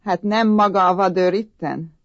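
A woman's voice: mid-range voice, fairly even intonation, dry recording, muffled recording, lightly acted. A woman voicing an impatient, bossy army officer from the capital, brusque and commanding. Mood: doubting.

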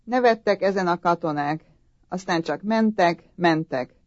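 Female storybook narrator, calm even delivery, lowish voice, dull dry recording. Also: dry recording. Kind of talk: storybook reading. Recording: dull, dry audiobook sound.

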